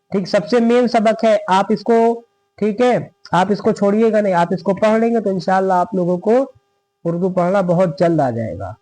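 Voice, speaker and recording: A man with a slightly mellow voice that sits high teaches Urdu reading in a slow, step-by-step lesson. He spells words out letter by letter, patiently repeats each syllable, and keeps checking in with "thik hai."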